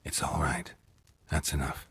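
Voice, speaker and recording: A man playing a stoic, gruff monster hunter in a video game, terse and restrained but gentle with children, with a gravelly voice. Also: extremely low pitch, little pitch movement, measured pace, heavily acted. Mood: calm, reassuring.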